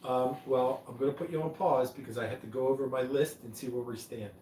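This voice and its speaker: A man hosting a casual live stream, dry and a little hesitant, with gentle teasing. His voice sits at an ordinary pitch. It is caught from across a reverberant room over a faint background hum. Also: steady tone, fast. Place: pub room. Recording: roomy and distant, faint noise.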